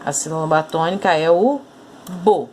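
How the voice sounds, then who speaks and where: A woman teacher with a Brazilian Portuguese accent gives an online lesson. Her voice sits a little high, and she stresses each syllable slowly and clearly. She keeps asking the students questions as she goes. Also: expressive, slight background noise.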